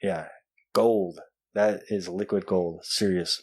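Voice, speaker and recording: A man's voice: low voice, steady tone, takes it slowly, darkish tone, slightly rough. A man hosting a podcast in a casual, playful chat with guests. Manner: playful, joking. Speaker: podcast host.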